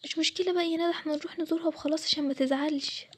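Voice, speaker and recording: Casting note: fast, high-voiced woman with an Egyptian Arabic accent, chatty role-play drama voice-over. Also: steady tone. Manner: chatty and quick, switching between several girls' voices.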